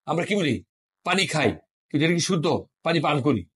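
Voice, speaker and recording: A man's voice: fairly high pitch, animated, fast, slightly rough. A middle-aged man from Bangladesh teaching a French class, patiently drilling pronunciation and explaining usage. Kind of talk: classroom lesson.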